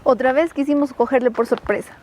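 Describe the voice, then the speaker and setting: A woman's voice: high voice, fairly quick, darkish tone, slight background noise. A woman narrating a comic story with exasperation.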